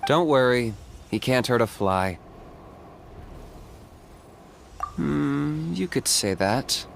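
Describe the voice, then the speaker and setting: A young video game warrior with a mid-pitched, unhurried voice. He is composed, dry and pragmatic, with faint noise in the background. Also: gravelly, exaggerated voice. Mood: wry. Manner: composed, deadpan, measured. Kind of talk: video game character acting.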